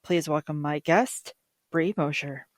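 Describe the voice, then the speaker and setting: A woman's voice: low voice, unhurried, no echo, clean studio sound. A woman podcast host reading a scripted, upbeat show introduction. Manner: upbeat, announcing.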